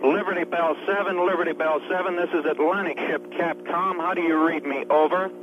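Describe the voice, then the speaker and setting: A man's voice: on the high side, fairly even intonation, brisk. A man working as a ship's radio communicator, speaking in clipped radio procedure over an archival radio transmission. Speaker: ship communicator. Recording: muffled noisy archival radio link.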